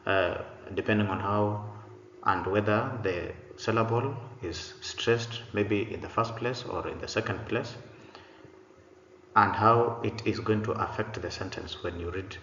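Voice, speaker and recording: A man teaching an English pronunciation lesson, reading example sentences slowly and repeating them, with frequent "uh" fillers. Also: on the low side, a bit bright, slight background noise. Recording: dull lo-fi sound in a roomy reverberant space.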